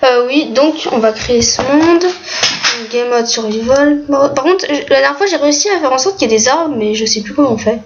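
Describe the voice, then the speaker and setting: High-voiced woman rambling over gameplay. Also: fairly quick. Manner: hesitant, rambling, many fillers. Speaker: gaming video creator. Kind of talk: casual gameplay commentary. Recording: muffled lo-fi mic, faint noise, keyboard clicks.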